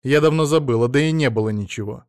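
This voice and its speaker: A man's voice: mid-range voice, fast talker, darkish tone, clear, resonant tone, dry recording, clean studio sound, close to an everyday voice. A man reading an audiobook, voicing a cold, curt middle-aged woman with a scornful manner.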